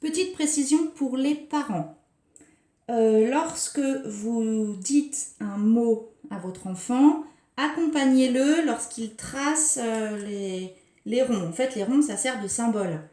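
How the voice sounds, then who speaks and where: A woman preschool teacher giving a recorded lesson for young children, speaking slowly and articulating each syllable with care. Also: a little high, warm tone. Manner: slow, carefully articulated, scanning syllables. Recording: roomy echo.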